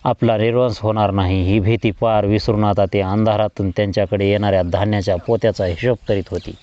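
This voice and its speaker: A man giving a measured, literary reading of a novel as an audiobook storyteller. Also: fairly low pitch, warm tone, no echo. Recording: dull lo-fi dry recording.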